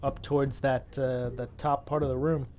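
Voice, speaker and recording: A man serving as dungeon master, walking his players through a room with frequent restarts and small self-corrections. His voice sits at a middle pitch, with a faint hiss of noise behind it. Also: little pitch movement. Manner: halting, restarts and corrects himself. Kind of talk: narrating a tabletop game.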